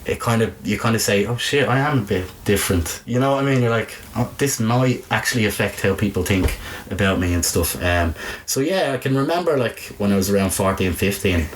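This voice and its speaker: A Dublin-accented Irish video maker, speaking as an interview guest, tells candid, informal, sweary personal stories peppered with "you know." His fairly low voice has lively intonation and a fairly quick pace, on a rough recording with noticeable background noise.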